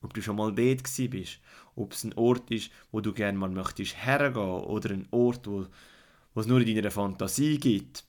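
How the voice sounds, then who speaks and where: A man with a Swiss German accent and a fairly low pitch talks at a normal speed through a calming sleep story and guided relaxation. He repeats instructions, occasionally dropping to a hush.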